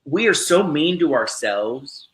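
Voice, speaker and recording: A man's voice: on the high side, very animated, slow. A male host making thoughtful, emphatic points in a casual panel chat. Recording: roomy echo.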